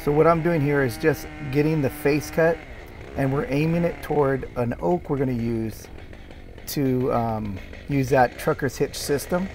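A man's voice: medium pitch, unhurried, a little mellow, slight background noise. A middle-aged man giving casual, explanatory voice-over commentary on his own work video, with frequent fillers and restarts. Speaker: tree care worker explaining his video.

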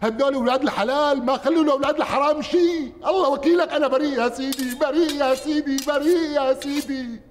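A man's voice: fairly high pitch, fairly quick, a little mellow, a little hiss or hum, close to an everyday voice. An actor with a Syrian accent playing a sly, chatty butcher who wheedles and laughs his way through excuses. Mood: wheedling. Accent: Syrian Arabic. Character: sly chatty male butcher pleading innocence. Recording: reverberant studio set.

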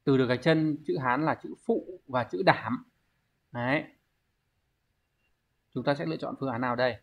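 Gravelly and mid-range, this man's voice moves at a normal speed as he teaches an online exam review. He's a Japanese teacher explaining word readings, pausing to check in with the class through rhetorical questions.

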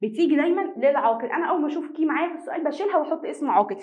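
A woman's voice: high-pitched, animated, a little mellow. A young Egyptian woman teaching an Italian class online in Egyptian Arabic, often asking the students a question and answering it herself. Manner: repeats each word twice slowly for students; asks and answers her own questions.

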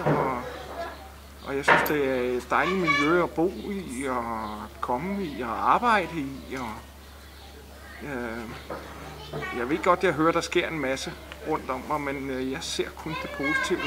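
A middle-aged man speaking outdoors by a farm building, calm and positive, with pauses. Loud outdoor noise fills the background behind him. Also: a little high. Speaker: local worker and resident. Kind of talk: vox pop interview.

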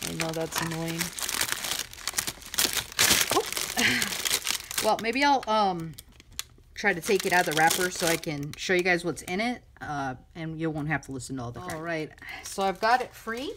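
A middle-aged woman crafting vlogger gushing excitedly over a mail swap, chatty and full of fillers. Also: lowish voice, normal speed, long pauses. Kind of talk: casual unboxing chat. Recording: noisy room with crinkling and clicks.

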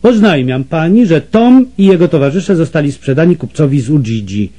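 A cruel, scheming slave trader speaks in a sneering, slow, pointed way, as a male audiobook reader puts him on. The voice is dark and heavy, and it rises high for cutting taunts. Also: expressive. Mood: sneering, menacing. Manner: sneering and menacing.

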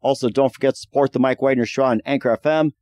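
A man's voice: mid-range voice, fairly even intonation, fast talker, a little mellow, dry recording, muffled recording. A man hosting a podcast interview, enthusiastic and exclaiming often, and reading sponsor spots. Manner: enthusiastic, frequent "oh my goodness" exclamations. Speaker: podcast host. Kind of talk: casual interview and read ad spots.

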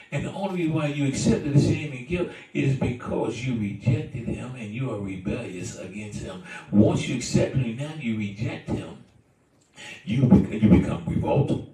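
A man preaching a sermon, swinging between soft asides and shouts, answering the congregation. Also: mid-range voice, recorded from a distance. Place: church. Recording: echoey church room, mic from afar.

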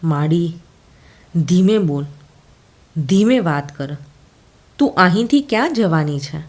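A woman's voice: fairly low pitch, expressive, slow, darkish tone. A woman voicing an older mother who trembles and pleads with grief, read in an audiobook story. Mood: urgent hushed.

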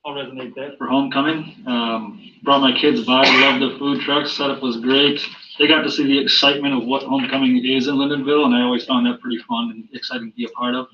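A man's voice: mid-range voice, highs cut off. A man on a school board casually thanking people, with frequent ums. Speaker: board member. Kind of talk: meeting remarks. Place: school library meeting room. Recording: distant echoey noisy mic.

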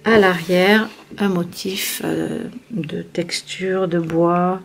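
A woman's voice: on the low side, steady tone, extremely slow, creaky. Chatty woman reviewing craft papers. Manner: chatty, hesitant, many fillers and restarts. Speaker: scrapbooking channel host. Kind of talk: casual product review.

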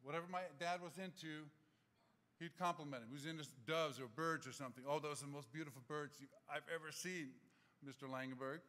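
A man in his sixties giving an animated, humorous acceptance speech from a podium microphone in a large auditorium. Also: fairly high pitch, brisk. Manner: animated, gesturing, humorous anecdotes.

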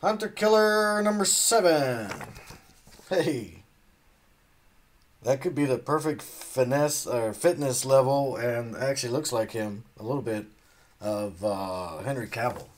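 A man's voice: medium pitch, a little slow. A man casually unboxing comics, rambling, trailing off and swearing offhandedly. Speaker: comic unboxing channel host.

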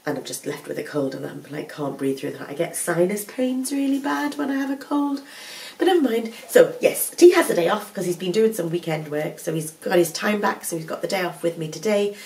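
This full-time mum and vlogger has a low-pitched, gravelly, darkish voice and a stuffy cold. She chats casually to the camera at home in her living room, rambling and correcting herself. A tripod camera records from a distance, leaving the mic somewhat far off.

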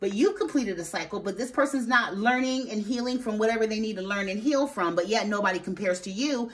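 A woman giving a casual tarot reading, sassy and expressive, swearing freely and talking straight to her viewers. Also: mid-range voice, brisk. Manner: talks straight to viewers, asks spirit aloud. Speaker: tarot reader.

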